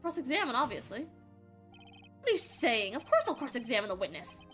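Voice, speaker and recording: A woman's voice: sits high, huge pitch swings, moderate pace, fairly bright tone, soft background music, heavily acted. A woman voicing an earnest young male defense attorney, speaking emphatically.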